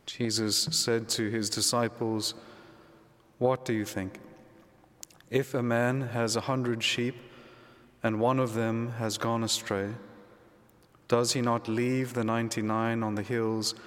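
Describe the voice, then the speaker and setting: A man, a priest, reading the gospel and preaching in a measured, reflective way, his voice ringing with a cathedral-like echo. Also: mid-range voice, flat delivery, fairly bright tone. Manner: measured, reflective, conversational asides. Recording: long echoing church reverb.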